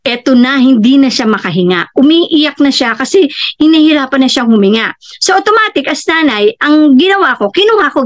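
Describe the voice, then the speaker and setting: A middle-aged woman with a high voice tells her family's story as a personal testimonial, full of animated retellings. Her pitch leaps even higher whenever she quotes someone. The recording is dull and slightly lo-fi. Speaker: customer giving a testimonial.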